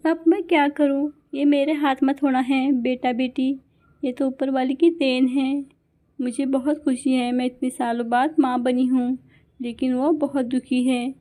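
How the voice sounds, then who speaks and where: A woman's voice: sits high, dark tone. A woman voicing Gori, a loving mother bird who is upset and tearful. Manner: tearful, pleading.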